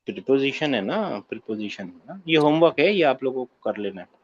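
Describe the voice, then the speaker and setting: A man's voice: mid-range voice, lively intonation, breathy edge, muffled recording. A man teaching a grammar class online, patiently quizzing his students and repeating key points. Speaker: Arabic teacher.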